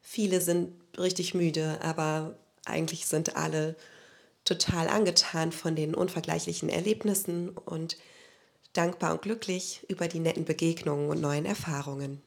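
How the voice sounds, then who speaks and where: A woman with a rather low voice narrates a news feature. Her read is calm, even and scripted. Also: normal speed, vocal fry. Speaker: reporter.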